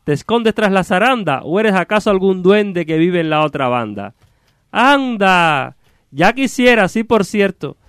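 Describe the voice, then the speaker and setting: A man voicing a hot-tempered rustic man who shouts and curses in a quarrel, recited in rhyming verse. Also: high voice, animated, unhurried, clear, resonant tone, no room sound, studio quality, pitched above the performer's own voice. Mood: quarrelsome. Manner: loud, exclamatory verse delivery.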